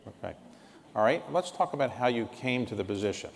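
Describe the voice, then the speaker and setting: A man's voice: medium pitch, expressive, brisk, creaky, slight background noise. A man interviewing a guest on stage, asking blunt, probing questions with a wry edge. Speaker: interviewer, club president. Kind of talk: onstage interview. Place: large hall on stage. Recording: long hall reverb.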